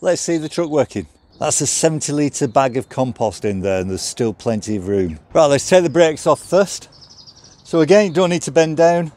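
A man's voice: fairly high pitch, lively intonation, moderate pace, darkish tone, slight background noise. A man, reviewing a product and walking through each step as he handles it outdoors. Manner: practical, step-by-step explaining while handling the cart. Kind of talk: hands-on product demonstration. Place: outdoors on a gravel yard by a stone house.

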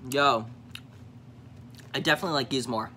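Bright-voiced young man chatting casually. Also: mid-range voice, moderate pace, slight background noise. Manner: laid-back slangy chatter, chewing while talking. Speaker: vlogger. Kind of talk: casual snack taste test vlog. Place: home basement.

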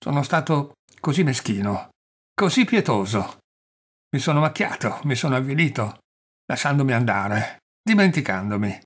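A man voicing a haughty, scornful gentleman. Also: mid-range voice, very animated, normal speed, slightly rough. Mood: earnest. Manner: cold and disdainful. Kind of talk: audiobook character reading.

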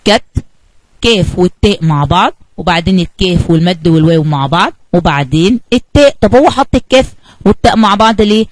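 A woman's voice: fairly low pitch, expressive, fast talker, dry recording, rough recording. Egyptian woman coaxing kids through syllables. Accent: Egyptian Arabic. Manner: coaxing, asks questions and answers them herself. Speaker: kindergarten teacher. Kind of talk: spelling lesson for young children.

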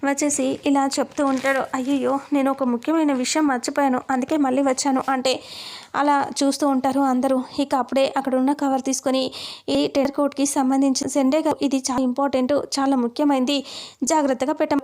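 A woman's voice: high voice, flat delivery, brisk, a little mellow. A woman casually retelling a television serial's scenes, lightly voicing the characters' quoted lines, with fillers and restarts. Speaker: serial recap narrator. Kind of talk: casual spoken story recap.

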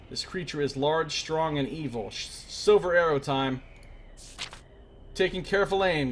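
A man's voice: on the high side, fairly bright tone. A man doing a let's play, reading game text aloud theatrically and reacting casually as he goes. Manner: theatrical storybook-style reading. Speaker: game streamer. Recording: faint background noise.

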